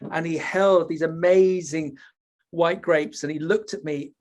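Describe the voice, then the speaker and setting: A man's voice: a little high, fairly even intonation, a little slow. A British man chatting as a guest on a podcast, earnest and hesitant, with many restarts. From United Kingdom. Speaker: podcast guest, school presenter. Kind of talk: casual chat.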